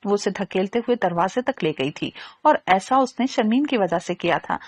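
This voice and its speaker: Lively woman reading an audio novel. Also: medium pitch, normal speed, slightly rough, no echo. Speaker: narrator. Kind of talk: audio novel narration with character dialogue.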